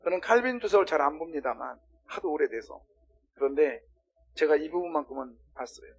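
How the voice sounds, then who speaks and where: A middle-aged male pastor preaching a sermon, swinging between loud impassioned cries and hushed low talk, often asking the congregation questions. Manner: asks the congregation questions and has them repeat.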